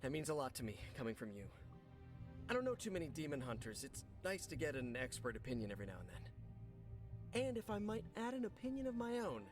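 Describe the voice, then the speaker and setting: Chatty young video game superhero, jokey and eager, voice a bit high and bouncing around. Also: male voice, a little fast, music in the background. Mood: friendly, eager. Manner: jokey, self-deprecating, animated.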